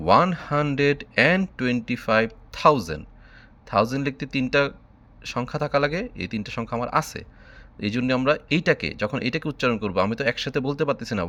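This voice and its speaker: A man's voice: mid-range voice, a bit bright. A man from Bangladesh teaching a math lesson online, patiently spelling out number words letter by letter.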